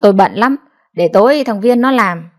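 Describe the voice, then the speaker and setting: A woman voicing a bitter, sharp-tongued old mother-in-law who scolds and snaps at her family. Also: mid-range voice, expressive, moderate pace, lightly acted. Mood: snapping. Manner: scolding, snapping, grudging.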